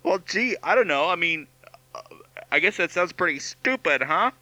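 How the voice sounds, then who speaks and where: A man's voice: sits high, expressive, normal speed, pushed and bright, no echo. A man playing a panicky, hapless cartoonist in a spoof commercial, stammering and whiny. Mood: flustered. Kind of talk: comedy sketch spoof commercial.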